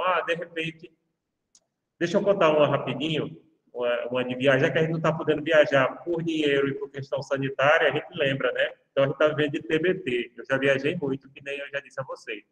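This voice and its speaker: A man with a Brazilian Portuguese accent, a law professor giving a university lecture and speaking straight to his students in a chatty way. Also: a little high. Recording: reverberant room, voice far from the mic.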